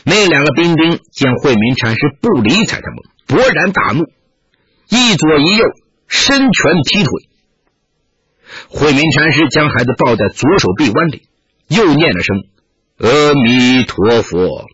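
Male storyteller, dramatic narration, very husky, bright tone, dry lo-fi sound. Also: on the high side, normal speed, dry recording. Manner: expressive, dramatic delivery. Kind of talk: martial-arts story narration.

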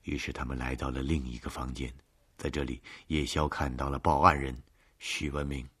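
A man with an extremely deep, low voice reads a mystery story aloud. His delivery is steady and even, like a scripted audiobook narration. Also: moderate pace, breathy edge.

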